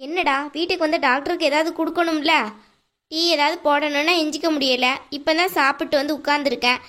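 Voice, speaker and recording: A woman's voice: high voice, steady tone, fairly quick, a bit bright. Woman voicing a nagging cartoon mother-in-law. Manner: scolding, mocking. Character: sharp-tongued nagging middle-aged mother-in-law. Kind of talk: cartoon voice acting.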